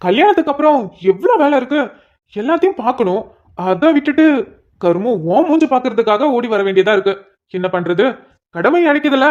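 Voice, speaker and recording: A woman's voice: high-pitched, a little mellow. A woman voicing a self-assured male police officer who teases and mocks. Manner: teasing, mocking banter. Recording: dull lo-fi audio.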